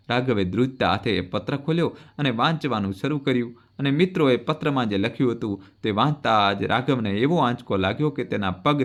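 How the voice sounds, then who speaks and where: A man narrating a family drama earnestly, often turning to address his listeners as friends. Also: mid-range voice. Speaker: storyteller.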